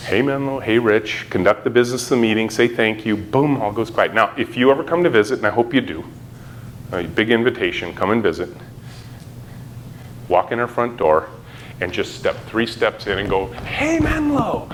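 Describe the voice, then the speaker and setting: A middle-aged man giving a conference keynote talk, telling stories in an animated way and acting out quotes with sudden jumps in pitch. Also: normal speed, a little hiss or hum. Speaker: keynote speaker. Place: conference hall.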